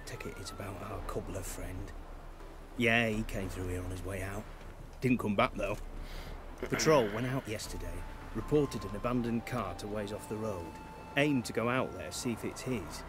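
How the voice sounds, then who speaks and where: Tired old soldier on guard, plain-spoken, clear noise behind, game audio. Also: male voice, lowish voice, wildly swooping pitch, moderate pace. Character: weary middle-aged male soldier, disillusioned.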